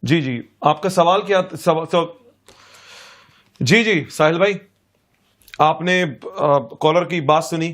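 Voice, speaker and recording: A man's voice: on the high side, long pauses, a bit bright. A man hosting a call-in show, keeping things moving with brief prompts and acknowledgments. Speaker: host.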